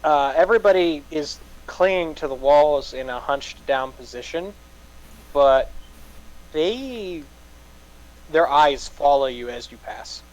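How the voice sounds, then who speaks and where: A man's voice: fairly high pitch, animated, slow pace, low-quality recording. A man improvising narration as game master of a tabletop game.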